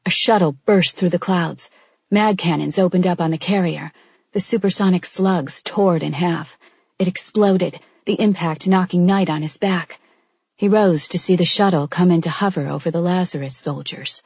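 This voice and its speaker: A woman reading a science fiction audiobook aloud in a measured, even narration. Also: fairly low pitch, breathy edge, dry recording. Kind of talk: scripted narration.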